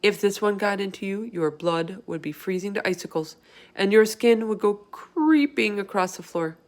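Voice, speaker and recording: A woman acts out a kindly storybook giant with a folksy, ungrammatical way of talking. The giant is excitable and easily distressed, full of exclamations and whimsical invented words. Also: mid-range voice, moderate pace, close to an everyday voice. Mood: exasperated, dire. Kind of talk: children's book character in a read-aloud.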